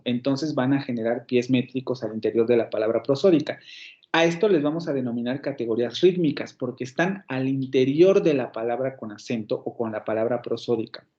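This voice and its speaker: A man's voice: medium pitch, darkish tone. A man giving an online university lecture as a professor, explaining at length, repeating his examples aloud and checking in with the class. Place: indoor room with a window. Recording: dull lo-fi online class audio.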